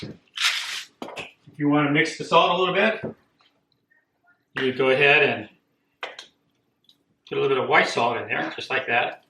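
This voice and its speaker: An older man from Costa Rica giving a plain, unhurried home cooking demonstration, repeating himself now and then. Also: fairly high pitch, pushed and bright. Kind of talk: casual home cooking demo. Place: echoey home kitchen. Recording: echoey kitchen with clear background noise.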